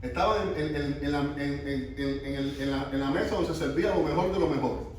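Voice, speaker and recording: A man's voice: on the high side, fairly quick, a little mellow, a little hiss or hum. A man from Cuba, a youth pastor teaching a sermon who asks his listeners questions and often restarts his phrases. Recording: echoey room, mic from far off.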